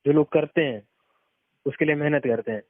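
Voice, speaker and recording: On a muffled, narrowband phone line, a man with a fairly high voice talks a little fast, giving casual but emphatic advice. He's an experienced former network marketer, explaining things and repeating his points for stress. There's no room sound.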